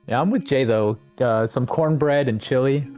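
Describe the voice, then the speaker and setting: A man's voice: mid-range voice, normal speed, darkish tone, faint music behind. Laid-back joking male commentator. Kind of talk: casual race commentary chat.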